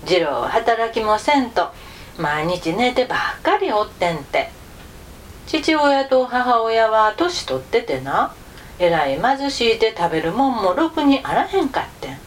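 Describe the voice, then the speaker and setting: Slow, expressive woman telling a folk tale. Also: on the high side, a little hiss or hum. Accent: Kansai Japanese. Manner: gentle, expressive storytelling with whispered asides. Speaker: storyteller.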